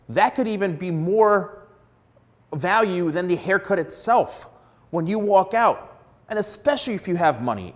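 Salon guy in his 40s talking straight to camera, blunt, leans on words, kinda high voice, lapel mic. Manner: emphatic, blunt, repeats words for stress. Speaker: hairstylist giving advice. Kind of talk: direct-to-camera advice vlog. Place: plain studio backdrop indoors.

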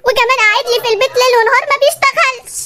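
Brief: performer doing a bright, high cartoon wife with an Egyptian accent, nagging and outraged, faint hiss. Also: fairly even intonation. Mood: indignant. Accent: Egyptian Arabic. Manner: shrill, indignant, fast complaining. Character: fed-up young wife complaining about her husband. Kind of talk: comic animated sketch.

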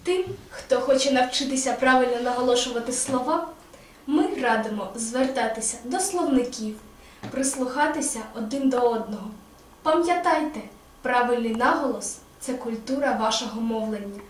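A woman's voice: on the high side, moderate pace. A woman giving an emphatic, instructive scripted recitation at a school event, drilling word pairs. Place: school hall. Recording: echoey hall, distant mic, faint hiss.

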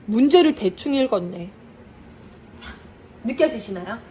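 A high-pitched, lively middle-aged woman lectures parents like a tutor, her voice swooping up and down as she presses her points. She laughs often between lines. The recording sounds echoey and a little distant, with faint noise underneath. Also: unhurried. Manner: animated, emphatic, laughs often. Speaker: math tutor coaching parents.

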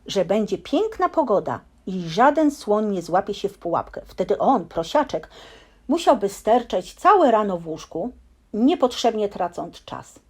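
A woman reading a bedtime story aloud in a lively, expressive storytelling manner. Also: medium pitch, a little slow, breathy edge.

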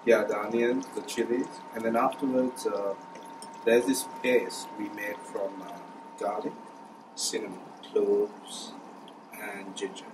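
A man's voice: on the low side, steady tone, unhurried, background noise. Hesitant man, echoey room, far mic. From Sri Lanka. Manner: hesitant, many ums and uhs, lists ingredients. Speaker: cook showing a recipe. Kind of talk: casual cooking demonstration. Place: small indoor room, student kitchen.

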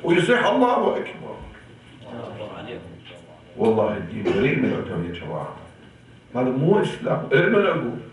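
A man's voice: medium pitch, huge pitch swings, brisk, long pauses. A man with an Iraqi Arabic accent delivering an impassioned, rhetorical sermon in the hall of an Islamic center. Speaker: preacher. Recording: echoey hall from far off.

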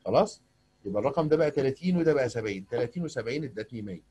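A man's voice: medium pitch, animated, rapid-fire, a little mellow, breathy edge. A man with an Egyptian accent teaching math to a young pupil over a video call, coaxing her with patient questions. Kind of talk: online tutoring lesson.

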